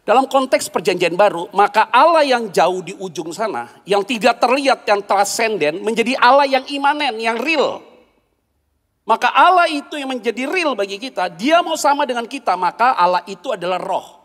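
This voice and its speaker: A male pastor preaching a sermon, animated, acting out quoted voices and dropping slangy asides. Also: extremely high pitch, normal speed, big-room sound.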